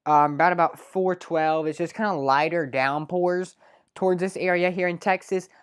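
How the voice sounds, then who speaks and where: A woman's voice: lowish voice, fairly even intonation, moderate pace, clear, resonant tone. A woman presenting a live weather segment in a small local TV studio, talking off the cuff with many fillers and self-corrections.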